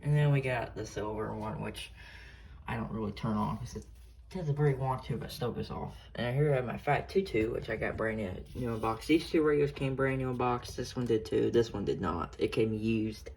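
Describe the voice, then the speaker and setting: A gravelly, darkish mid-range voice belongs to a radio collector presenting his pieces hands-on. The delivery is casual and meandering, with frequent pauses and self-corrections, recorded in a noisy space with clicks.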